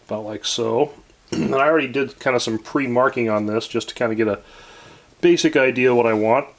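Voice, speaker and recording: A relaxed man in his forties walks through a hands-on project in his home workshop, speaking at an ordinary middle pitch. He rambles easily, with plenty of ums and restarts. His voice comes from a camera mic a few feet away. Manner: relaxed and rambling, lots of fillers and self-corrections. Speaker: woodworking channel host. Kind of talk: casual workshop tutorial.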